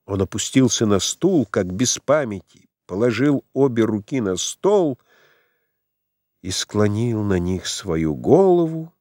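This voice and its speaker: A man's voice: fairly low pitch, big pitch swings, takes it slowly, a little mellow, no echo, clean studio sound. A man narrating a classic novel in a dramatic, theatrical reading. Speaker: audiobook narrator.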